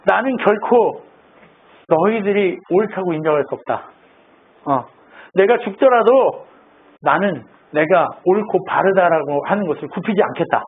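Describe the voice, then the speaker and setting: A man's voice: high voice, expressive, moderate pace, breathy edge, heavily acted. A man voicing the biblical Job as a scornful, stubborn grown man who sneers at his friends, over a tinny, phone-like line. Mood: defiant. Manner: mocking, then proudly defiant. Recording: tinny phone-like band, faint noise.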